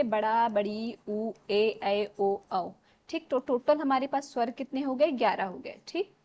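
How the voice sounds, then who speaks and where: A woman teaching an exam revision lesson. She explains step by step, mixes in English words and keeps checking with the class. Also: on the high side.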